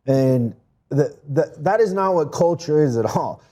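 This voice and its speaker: Raised in Mexico, this male podcast guest discusses business in a casual, earnest way, frequently starting his words over. He speaks a little high with lively intonation and a measured pace, his tone dark and the audio lo-fi.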